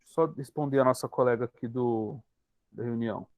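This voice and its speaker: A man's voice: mid-range voice, normal speed, a little mellow, no room sound. A man with a Brazilian Portuguese accent, a hypnotherapist giving an emphatic teaching talk to an online group, speaking straight to his listeners and repeating his key points.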